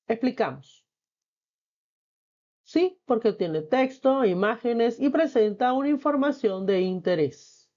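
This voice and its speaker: A woman teacher reading and explaining a textbook lesson, patient and clear. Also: a little high, expressive, takes it slowly, mellow, lo-fi sound.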